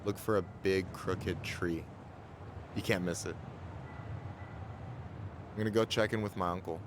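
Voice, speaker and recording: An actor playing an easygoing young adult male friend in a story game, relaxed and laid-back. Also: low-pitched, measured pace, background noise.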